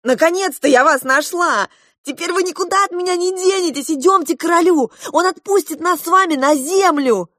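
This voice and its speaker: A woman reading aloud, voicing an excited, headstrong eleven-year-old girl in high, loud exclamations. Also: unhurried, no echo, studio quality.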